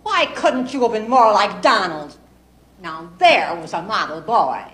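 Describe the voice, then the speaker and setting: A woman's voice: medium pitch, animated, unhurried, a bit bright, reverberant. A woman playing a stern, reproachful schoolteacher scolding a boy.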